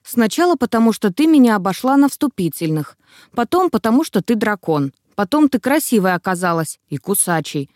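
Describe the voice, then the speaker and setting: Woman reader doing a hoarse, gruff, sick young student; dry audiobook read. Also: mid-range voice, very animated, a little fast, a little mellow, no room sound, lightly acted. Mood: hoarse reproachful. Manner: gruff, grumbling, hoarse from illness. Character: stubborn feverish young male student. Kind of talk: audiobook character reading.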